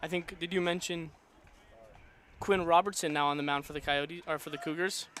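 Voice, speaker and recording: A man's voice: on the high side, fairly even intonation, normal speed, a bit bright, a little hiss or hum. A man doing color commentary on live college baseball from a ballpark press box, with dry teasing humor.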